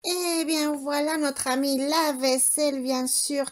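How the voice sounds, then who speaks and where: A woman's voice: high-pitched, steady tone, takes it slowly, loud music behind the voice. A woman in her thirties from Spain with a Spanish accent, narrating her home vlog in a rambling way, often searching for words. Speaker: home vlogger. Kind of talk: casual voice-over chat.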